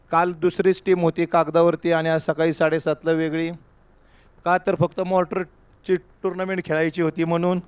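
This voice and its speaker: Man, boastful and jokey, high voice, clean dry close sound. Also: smooth, no room sound. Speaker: team player or captain. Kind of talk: casual chat with commentators.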